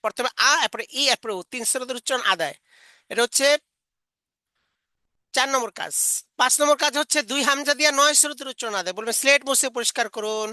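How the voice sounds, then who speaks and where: Bright-voiced woman teaching step by step. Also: sits high, no room sound. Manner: explains step by step, models drill sounds slowly. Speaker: Quran teacher trainer. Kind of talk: instructional lecture.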